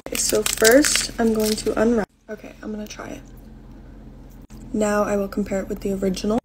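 A woman's voice: mid-range voice, little pitch movement, a little fast, background noise. A young woman chatting casually through a product review vlog, bubbly and full of "like". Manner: bubbly, chatty, with many likes. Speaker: social media creator.

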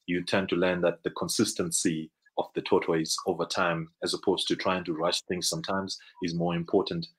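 Deep-voiced Zimbabwean man on a video call. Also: flat delivery, moderate pace, few pauses, breathy edge, poor audio. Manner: rambling, many restarts and fillers. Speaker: guest, business co-founder. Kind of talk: casual interview storytelling. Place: indoor room, video call. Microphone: video call webcam.

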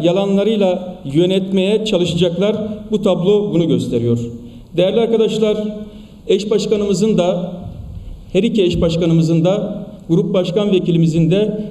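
A man delivers an emphatic political speech at a podium microphone, building his points through repeated phrases. His voice sits high but sounds mellow. The sound carries a long hall reverb, heard from some way off the mic. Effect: speaking at a podium microphone in a large hall. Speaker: politician addressing a party meeting. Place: large meeting hall in parliament. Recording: echoey hall, distant mic.

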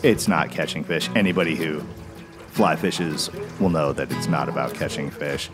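Laid-back male musician, very low voice, easygoing reflective interview read, music bed underneath. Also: normal speed. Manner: laid-back, musing, filler-heavy. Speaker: musician talking about fly fishing.

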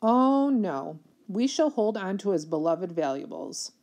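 A woman's voice: medium pitch, expressive, measured pace, a little mellow. A woman voicing a haughty middle-aged foster mother who scolds in stiff, formal words. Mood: cold, mocking. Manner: formal, scolding, lofty diction.

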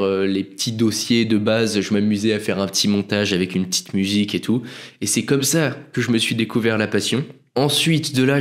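A young man in his twenties talks through a solo podcast introduction. He speaks in a loose, casual way, joking at his own expense and dropping slang. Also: medium pitch. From France. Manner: chatty, loose and self-mocking, with slang. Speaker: podcast host and freelance video editor.

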